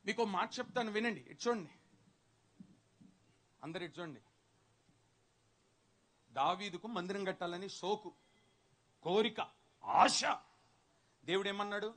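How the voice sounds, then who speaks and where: High-voiced pastor preaching. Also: male voice, a little slow, pauses often, fairly bright tone. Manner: calls on the congregation to answer back, acts out Bible figures in voices. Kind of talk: sermon. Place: church hall.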